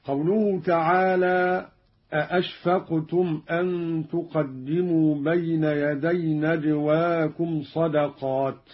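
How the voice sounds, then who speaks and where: Male teacher, husky, unhurried, measured explanation with chanted verses, dull old radio recording. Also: a little high, little pitch movement. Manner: measured explanation broken by slow chanted recitation. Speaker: Quran recitation teacher. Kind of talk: scripted radio lesson on Quran reading variants.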